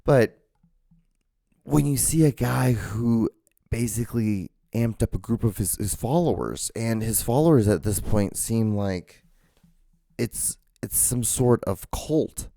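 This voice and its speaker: A man from Honduras hosting a podcast, talking through a casual monologue in an emphatic, halting way, with many restarts and fillers. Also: medium pitch, animated, creaky, mellow, dry recording, studio quality. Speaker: podcast host.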